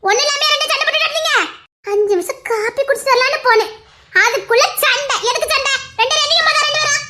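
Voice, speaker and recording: A woman's voice: extremely high pitch, quick pace, noisy background. A woman voicing a strict, nagging tuition teacher in a comic skit. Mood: scolding. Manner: scolding, nagging questions.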